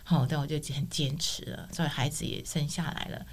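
A middle-aged woman speaks, her voice sitting a little low for a woman. She shares a personal testimony as a guest, vividly and expressively, switching into the voices of the people she quotes. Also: fairly quick, slightly rough. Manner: expressive storyteller, acts out quoted dialogue.

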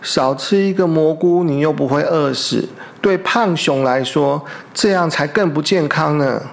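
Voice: medium pitch, measured pace, creaky. A storyteller voicing a small, hungry male weasel who argues indignantly over food in a children's storybook. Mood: sulky.

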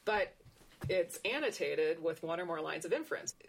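Low, gravelly, husky woman explaining. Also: expressive, normal speed, a little hiss or hum. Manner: thinks aloud with restarts and asides. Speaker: researcher. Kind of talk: conversational explanation.

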